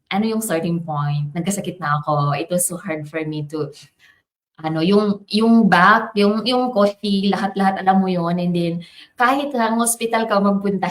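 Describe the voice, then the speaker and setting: Animated woman telling her life story. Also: fairly low pitch. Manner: animated, switching between Tagalog, English and Japanese. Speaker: business coach. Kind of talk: personal testimony, casual storytelling.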